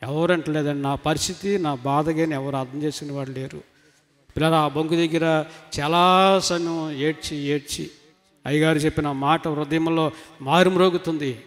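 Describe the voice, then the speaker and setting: A middle-aged man pours out a fervent personal testimony to a church retreat congregation. His fairly high voice surges into loud emphatic cries, then drops to soft, low asides. Everything rings with the long reverb of a large hall. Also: steady tone, moderate pace.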